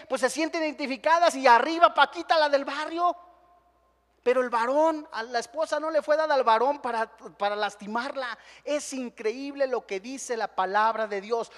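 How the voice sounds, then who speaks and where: High-voiced Mexican preacher in a hall. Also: male voice. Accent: Mexican Spanish. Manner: emphatic, full of rhetorical questions. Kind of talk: sermon.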